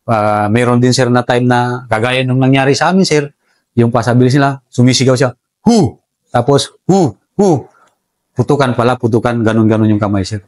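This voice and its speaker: A man's voice: medium pitch, steady tone, a little fast, darkish tone, no room sound. Soldier guy telling war stories, says sir every other line, dry sound. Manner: respectful, says "sir" constantly. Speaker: soldier recounting enemy tactics. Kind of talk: casual interview storytelling.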